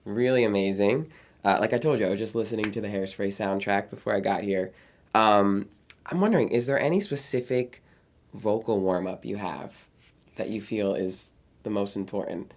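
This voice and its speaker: A man's voice: fairly low pitch, normal speed. A male interviewer who puts friendly questions to his guest. He is eager and generous with his compliments. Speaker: interview host.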